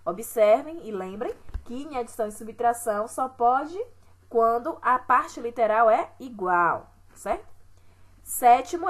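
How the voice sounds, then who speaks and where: A patient Brazilian teacher goes through each exercise in turn, her voice a little on the high side. She keeps checking in with her students as she explains. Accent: Brazilian Portuguese. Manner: patient, repeats "certo?" and "né?" to check understanding. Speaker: math teacher. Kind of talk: recorded online lesson explaining an exercise sheet.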